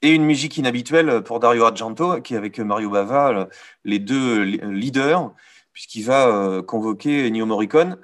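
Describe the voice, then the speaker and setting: A man with a French accent giving a live art history lecture, pausing often with fillers and correcting himself. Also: medium pitch. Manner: hesitant, many "euh" fillers, self-correcting.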